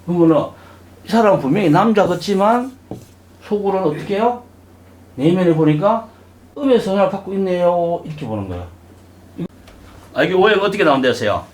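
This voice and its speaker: Animated and a little fast, with frequent pauses, a middle-aged saju lecturer teaches a live class in a lecture room before an audience. He keeps questioning the class and acting out small voices. His voice sits high with a darkish tone, and the sound is reverberant.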